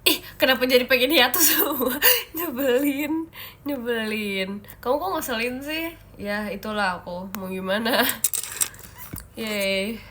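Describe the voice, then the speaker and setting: Bright-voiced young woman chatting, sniffly. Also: a little high, a little slow. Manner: playful, giggly, teasing, reads out viewer comments. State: sick with a cough and a stuffy nose. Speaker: idol livestream host. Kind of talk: casual livestream chat with viewers.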